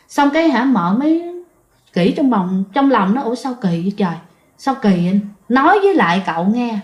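A woman's voice: a little high, highs cut off. A woman narrating a ghost story in a chatty way, talking directly to her listeners. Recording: roomy echo.

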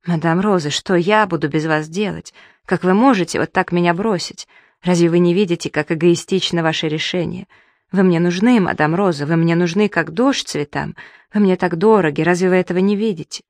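A woman's voice: lowish voice, brisk, dry recording, close to an everyday voice. A reader voicing a proud, distraught young woman who begs and argues with feeling, in an audiobook. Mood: pleading. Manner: pleading, emotional reading.

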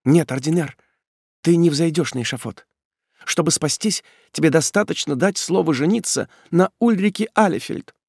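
A man's voice: on the high side, normal speed, darkish tone, husky, no echo, studio quality, pitched above the performer's own voice. A man reading an audiobook and voicing a young woman, a devoted and desperate lover, in an impassioned, tearful, pleading way. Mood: resolute.

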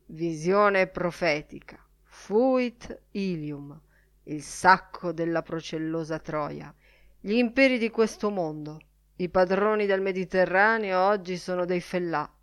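Slow, low-voiced woman reading a novel. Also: smooth. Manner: measured, unhurried reading with dramatic pauses. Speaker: audiobook reader. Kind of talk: literary audiobook narration.

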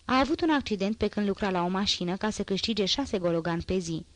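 A woman's voice: medium pitch, animated, dry recording, natural voice. Woman voicing a fawning old beggar-actor. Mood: whining plea. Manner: whining, theatrical pleading. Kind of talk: audiobook character reading.

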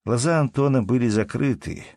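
A man reading a literary audiobook in a measured, expressive way. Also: mid-range voice, creaky, no room sound. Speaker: audiobook narrator. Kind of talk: scripted literary narration.

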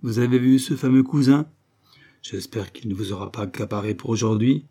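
A man's voice: medium pitch, a little fast, mellow, slightly rough. A man reading the part of a cheerful, exclamatory male painter full of plans. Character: jovial, lively male painter, host friend.

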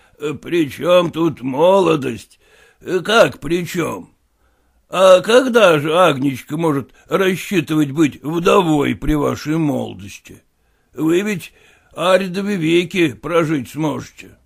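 A man's voice: a little high, expressive, slow pace, creaky, husky, exaggerated voice. A man voicing a stern elderly general who talks curtly and commandingly. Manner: curt, commanding, dry laughter. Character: stern elderly male general, gruff and mocking.

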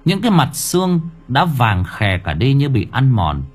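A male narrator tells a horror story with a husky, slightly breathy voice that rises and falls with lively, animated pitch. His delivery is dramatic and expressive, and soft music plays quietly behind him. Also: moderate pace. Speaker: audiobook narrator.

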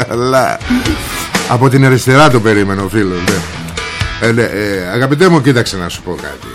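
A man's voice: lowish voice, expressive, music in the background. A man hosting a political talk show, delivering a sarcastic, combative monologue straight at the viewer.

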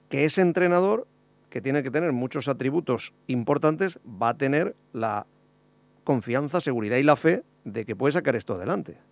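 Gravelly-voiced man from hosting. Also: mid-range voice, no echo. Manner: critical, pointed, wry. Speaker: radio show host. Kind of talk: sports radio panel discussion.

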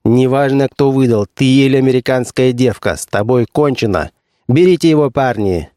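A man's voice: mid-range voice, normal speed, dark tone, dry recording, studio quality, natural voice. A man reading an audiobook voices a harsh, commanding female gang leader who barks contemptuous orders. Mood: menacing.

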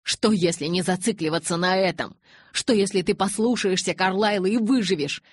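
A woman reading the lines of a hot-tempered, desperate young man in an audiobook, loud and insistent. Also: mid-range voice, normal speed, slightly rough, dry recording, lightly acted. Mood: angry. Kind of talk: audiobook character voice.

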